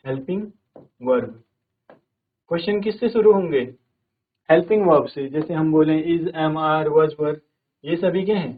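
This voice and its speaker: A male teacher giving a virtual classroom lesson from a studio, explaining step by step and reading English sentences slowly and clearly. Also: high voice. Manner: explains step by step, repeating "theek hai" often. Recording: phone-like narrow band.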